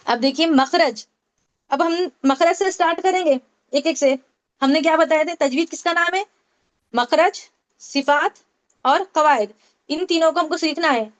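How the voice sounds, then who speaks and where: A woman's voice: extremely high pitch, fairly even intonation. A woman teaching a Tajweed class online, explaining step by step, asking the class questions and repeating key points. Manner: explains with questions and repetition, mixes English terms. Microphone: online meeting call.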